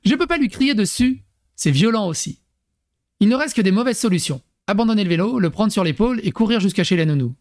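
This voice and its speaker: Animated, crude-talking man commentator. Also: sits high, fast talker. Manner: animated and crude, mixing mock acting into his talk. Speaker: YouTube commentator. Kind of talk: comedic commentary on a text he reads aloud.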